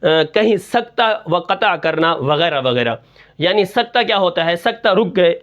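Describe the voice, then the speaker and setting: A man teaching Quran recitation rules. He asks his students questions and answers them himself, dropping low on each answer. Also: expressive, fairly bright tone. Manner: breaks into slow, drawn-out Quran recitation to demonstrate. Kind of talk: tajweed lesson in Urdu.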